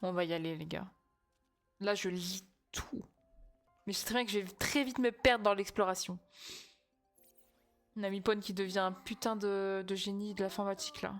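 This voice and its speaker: A young woman streaming a game, chatting excitably and talking over herself, with game music in the background. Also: medium pitch, fairly quick. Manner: excitable, chatty, many restarts and gasps. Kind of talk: casual gaming stream chat.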